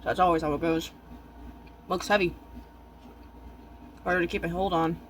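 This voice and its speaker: High-pitched young man talking with mouth full. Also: steady tone, a bit bright, slight background noise. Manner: musing, halting, drifting between short thoughts. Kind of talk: casual chat while eating, mukbang.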